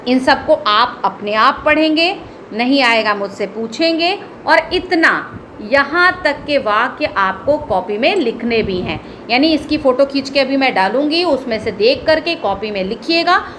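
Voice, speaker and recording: A woman's voice: sits high, fairly bright tone, slight background noise. A woman teacher giving an online reading lesson to children, sounding out words one at a time. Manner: slow, word-by-word dictation-style reading.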